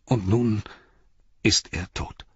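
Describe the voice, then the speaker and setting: A man voicing a loyal, worried city guard who questions earnestly in a husky voice. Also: on the low side, steady tone, takes it slowly, no room sound, voice pushed up, heavily acted. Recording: dull, dry recording.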